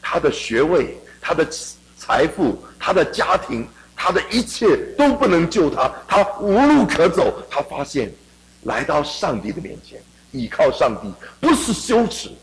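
A middle-aged man preaching a sermon, telling a personal story and swinging between hushed passages and emphatic ones. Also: fairly high pitch, very animated, measured pace, rough recording.

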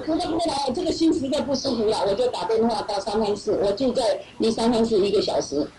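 A woman's voice: on the high side, fast talker, background noise. A middle-aged woman tells her faith testimony to a church gathering. She talks animatedly, laughs often and acts out the voices of other people. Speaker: church member giving testimony. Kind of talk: personal testimony storytelling. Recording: echoey hall, far from mic, loud audience.

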